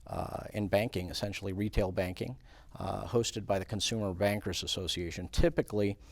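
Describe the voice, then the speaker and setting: A man from Puerto Rico talks about his career in a studio interview, measured and full of small fillers. His voice sits low with gravelly fry, and the sound is dry and close. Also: fairly even intonation, no echo. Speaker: guest, credit union president.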